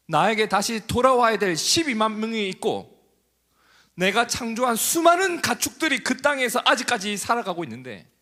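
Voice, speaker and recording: A preacher voicing God as a patient, pleading figure reasoning with a stubborn prophet. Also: male voice, high-pitched, sharp tone, voice pushed up, heavily acted. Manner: earnest, rising appeal.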